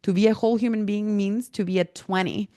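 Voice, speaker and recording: A woman's voice: medium pitch, fairly even intonation, brisk, warm tone, no echo, studio quality. A woman teaching an online workshop, talking casually with many fillers, her throat a little irritated. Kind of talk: online presentation talk.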